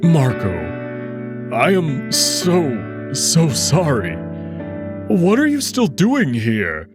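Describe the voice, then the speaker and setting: A man voicing a remorseful male wolf nobleman who is crying, speaking in halting, slow pleas over soft background music. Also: fairly high pitch, wildly swooping pitch, voice pushed up, exaggerated voice. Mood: tearful pleading. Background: soft instrumental music.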